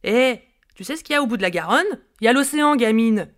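Woman doing a skeptical grown-up, teasing, matter-of-fact, fairly high voice, storybook. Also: animated, fast, fairly bright tone.

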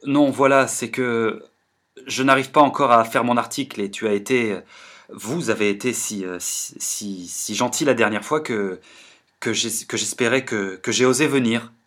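A man's voice: mid-range voice, fairly even intonation, slow, a bit bright. Man doing a timid stammering young man. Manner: hesitant, stammering, apologetic.

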